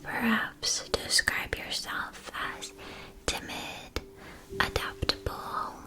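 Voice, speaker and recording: In a soft, breathy whisper, a woman plays a kindly witch who runs a shop, fantasy ASMR style. She lingers over every phrase, careful and courteous, and keeps the pace slow. It feels gentle and informative.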